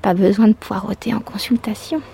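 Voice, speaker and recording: An actress playing a chatty village woman in a radio drama. She talks softly, half-whispering, in a gossipy way. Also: mid-range voice, steady tone, fairly quick, gravelly, slightly rough.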